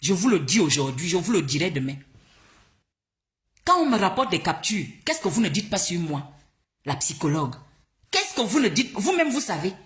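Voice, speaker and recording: A woman's voice: fairly low pitch, big pitch swings, moderate pace, pauses often. Gabonese woman ranting on her live, voice going up and down a lot, keeps asking who do you think you are type questions. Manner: indignant, confrontational, repeats rhetorical questions; stumbles and restarts when agitated. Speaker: live streamer. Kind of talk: heated live-stream monologue.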